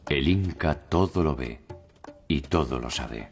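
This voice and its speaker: Male narrator, very low voice, solemn documentary read over a music bed. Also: expressive, measured pace. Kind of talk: scripted narration.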